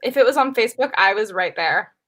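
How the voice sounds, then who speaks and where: A woman's voice: a little high, lively intonation, quick pace, a bit bright. A woman co-hosting a casual book chat with friends, talking emphatically and laughing easily. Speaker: co-host of a book chat livestream.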